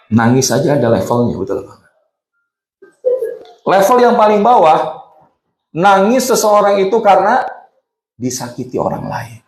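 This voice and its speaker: A man's voice: medium pitch, a little mellow. A middle-aged man giving a sermon in a mosque, asking the congregation questions and mixing in English phrases. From Indonesia. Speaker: preacher. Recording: echoey mosque room.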